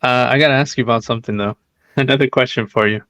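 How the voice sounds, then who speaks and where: A man co-hosting a podcast in relaxed casual chat, chuckling between remarks. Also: mid-range voice, quick pace, no room sound. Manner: relaxed, chuckling, easygoing asides. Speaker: podcast co-host.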